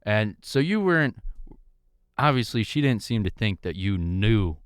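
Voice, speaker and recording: A young man co-hosting a comedic radio talk show, joking in a dry, deadpan way on a studio microphone. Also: fairly low pitch, measured pace, clear, resonant tone, no room sound.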